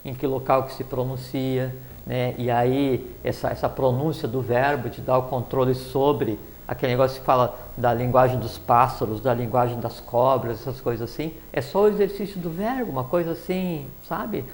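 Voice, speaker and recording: A man's voice: mid-range voice, steady tone, normal speed, hardly any pauses, a little mellow, slight background noise. A man explaining spiritual teachings in a rambling talk, with many fillers and restarts.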